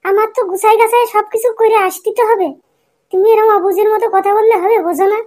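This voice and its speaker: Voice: very high voice, steady tone, fast, darkish tone. A performer voicing a coaxing, doting village sister-in-law in a cartoon. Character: fussy sweet-talking village sister-in-law woman. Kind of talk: cartoon voice acting.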